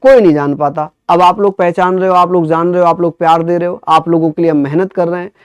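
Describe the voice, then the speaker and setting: A male history teacher, drilling his students by repeating each question and answer. His voice sits high and rings clear, close to a dry mic. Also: fairly even intonation, fast talker, dry recording. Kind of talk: online exam-prep lecture.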